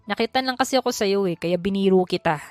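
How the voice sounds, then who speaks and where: A woman voicing a calm, teasing young rich man in a lowered, gentle voice. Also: fast talker, no room sound, soft background music, lightly acted.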